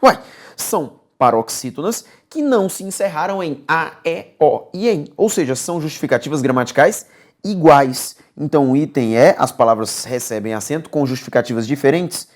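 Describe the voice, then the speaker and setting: A man's voice: fairly high pitch, moderate pace. A man with a Brazilian accent teaching an exam-prep grammar lesson, coaxing and repetitive, often checking in with his students. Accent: Brazilian Portuguese. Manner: lively, coaxing, repeats key words, checks in with "beleza?".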